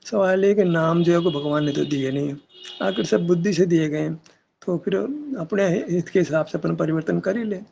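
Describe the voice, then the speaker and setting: A man's voice: on the high side, normal speed, creaky, mellow, slight background noise. A man teaching at a meditation session, arguing his point with rhetorical questions and casual asides. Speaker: spiritual teacher. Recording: dull lo-fi recording.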